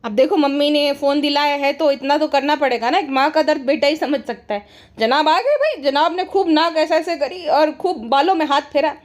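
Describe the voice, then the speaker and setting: A woman's voice: sits high, normal speed. A woman giving casual commentary in a sarcastic, mocking way. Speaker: commentary YouTuber.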